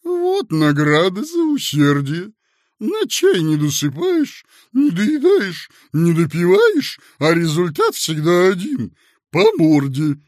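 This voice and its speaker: A man voicing a short plump official who swings between shouting and sugary self-pity. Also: high voice, wildly swooping pitch, takes it slowly, no room sound, clean studio sound, pitched above the performer's own voice, exaggerated voice. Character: short plump official, blustering then servile.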